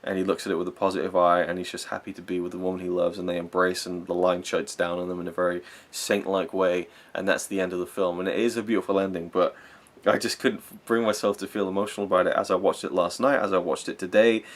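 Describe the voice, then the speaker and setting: Low-voiced man rambling through a film review. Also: little pitch movement, fast talker, few pauses. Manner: rambling, earnest, gets emotional, swears casually. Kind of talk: casual spoken film review.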